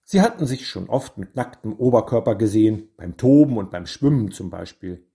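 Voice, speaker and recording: A man narrating a storybook in a measured, deliberate way. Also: on the low side, expressive, creaky, warm tone.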